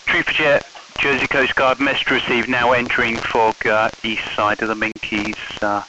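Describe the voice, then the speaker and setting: A man's voice: mid-range voice, flat delivery, normal speed, muffled recording. A man speaking formal radio procedure as a coast guard operator, heard through a crackly two-way radio transmission. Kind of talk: marine radio traffic. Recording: noisy radio channel.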